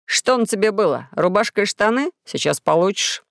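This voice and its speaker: Storybook role: playful boastful alien boy, lower and dry, read by a woman. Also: animated, moderate pace, gravelly, dry recording. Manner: sly and boastful. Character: cheerful blue-faced alien boy inventor, playful.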